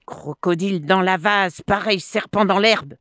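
A woman doing a scornful yelling male monkey. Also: on the high side, lively intonation, takes it slowly, no room sound, clean studio sound, voice pushed up. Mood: furious. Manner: shouting insults, sharp and mocking.

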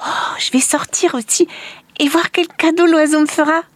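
A woman reading a storybook and voicing a young girl with high, eager, girlish exclamations. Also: steady tone, moderate pace, no echo, natural voice. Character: young girl, tearful then joyful.

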